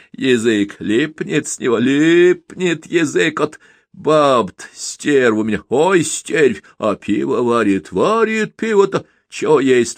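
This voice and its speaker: A man reading aloud and voicing a drunken, bullying village peasant who blusters and shouts. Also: mid-range voice, dry recording, voice pushed up.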